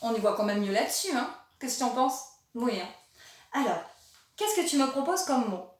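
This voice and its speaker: A woman teaching small children, her voice fairly high and placed a little away from the mic. She speaks gently and encouragingly, spacing out her words carefully. A strong echo from the room surrounds everything she says. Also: big pitch swings. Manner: gentle, encouraging, slow and clearly articulated. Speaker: primary school teacher. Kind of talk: remote lesson for young children. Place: classroom or room with a board. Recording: very echoey room, voice from a distance.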